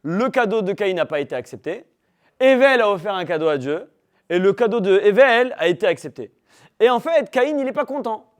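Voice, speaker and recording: A man teaching a religious class to young people, animated, firing rhetorical questions at the room and teasing his listeners. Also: high voice, a little fast. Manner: teasing humor with the audience. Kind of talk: lively religious class talk.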